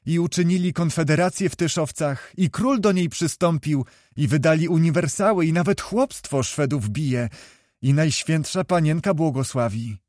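A man voicing a lively, chatty young noblewoman in a read storybook, talking quickly like a chirping bird. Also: on the high side, no echo, studio quality, close to an everyday voice. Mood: chirpy.

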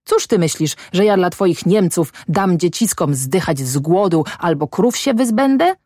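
A fierce peasant farm wife, as a woman narrator puts her on, scolding and berating with a voice that keeps climbing in outrage. Her tone sits low and dark beneath the shouting, and the audiobook recording is close and dry. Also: very animated, unhurried, dry recording. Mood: furious. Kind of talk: audiobook character voice.

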